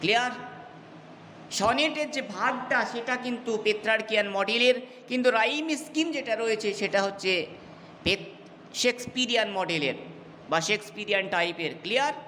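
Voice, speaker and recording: High-voiced male teacher. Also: brisk, bright, forceful tone. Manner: explanatory, checks understanding with repeated questions. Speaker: English teacher. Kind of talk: classroom lecture on poetry. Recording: reverberant room with faint ambient noise.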